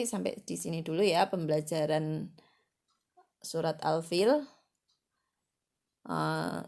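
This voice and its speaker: A woman's voice: fairly low pitch, creaky. A woman teaching children to read the Quran, giving a patient lesson and stretching syllables out one by one to demonstrate them.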